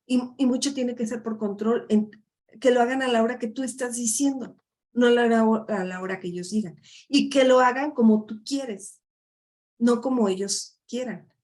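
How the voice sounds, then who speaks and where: A woman's voice: fairly high pitch, moderate pace, darkish tone. A middle-aged woman, a life coach giving a chatty workshop talk full of tag questions. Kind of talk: live online workshop talk.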